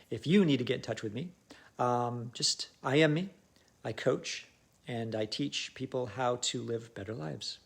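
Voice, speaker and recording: A man's voice: mid-range voice, vocal fry. A middle-aged man who works as a life coach, giving an earnest, reflective motivational talk to his viewers with frequent ums. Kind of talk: casual motivational livestream talk.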